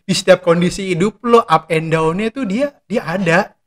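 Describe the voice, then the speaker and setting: A man's voice: high voice, moderate pace. A young adult man, a pastor, chatting casually about faith in slang and acting out prayers in quoted voices. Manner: slangy Jakarta-style talk, acts out prayers in quoted voices. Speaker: pastor and guest.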